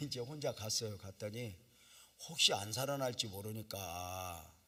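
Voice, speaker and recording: A middle-aged male pastor preaching in a church, telling his story with bright, forceful energy. His voice is a little husky, and he jumps between a hushed, acted-out prayer and sudden loud shouts. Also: on the low side, measured pace. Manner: animated storytelling, acts out quoted voices, bursts into loud cries. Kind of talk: revival sermon storytelling. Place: church sanctuary.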